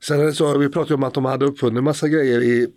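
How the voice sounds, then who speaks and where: A man's voice: mid-range voice, steady tone, a little mellow, a little hiss or hum. A man from Sweden hosting a casual podcast chat about places, talking in a hesitant way with frequent fillers and restarts. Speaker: podcast host.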